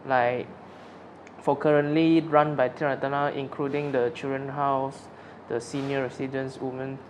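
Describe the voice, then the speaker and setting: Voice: medium pitch, little pitch movement, normal speed, a little hiss or hum, rough recording. An interviewer, asking loosely phrased questions in an informal way.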